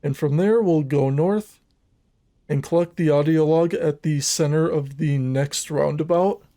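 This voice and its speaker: This scripted video game walkthrough is narrated by a man whose voice is warm and a little high. He explains each step in a measured, methodical, instructional way.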